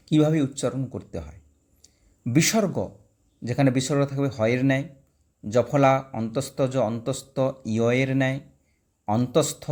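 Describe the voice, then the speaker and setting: Man slowly drilling Sanskrit pronunciation. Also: medium pitch, a little mellow. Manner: slow, syllable-by-syllable pronunciation drills. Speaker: Sanskrit teacher. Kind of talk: recorded class lesson.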